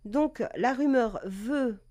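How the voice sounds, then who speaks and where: A woman's voice: fairly high pitch, slow pace, mellow. A woman hosting a casual live stream, chatty, with many fillers and self-corrections, greeting viewers as she talks. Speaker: live streamer presenting cat breed history.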